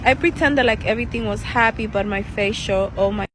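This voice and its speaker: A woman's voice: mid-range voice, brisk. A woman from El Salvador, a tarot reader and life coach, talking earnestly and casually to her viewers from a city park, laughing often and restarting her sentences. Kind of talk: casual talking-to-camera vlog. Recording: outdoor street noise. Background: passing cars and city noise.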